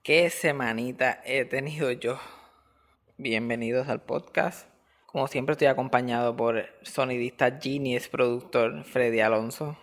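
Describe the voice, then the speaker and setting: A young man, a comedian hosting a casual podcast from his apartment, telling stories with a lively manner and slipping English words into his talk. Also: mid-range voice, a little slow.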